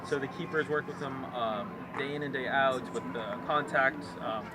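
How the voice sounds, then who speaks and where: A man in his thirties working as a zoo guide, explaining things informally and a bit haltingly to a group outdoors. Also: mid-range voice. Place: outdoors by trees and a path. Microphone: handheld camera a few steps away. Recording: very noisy outdoor handheld recording.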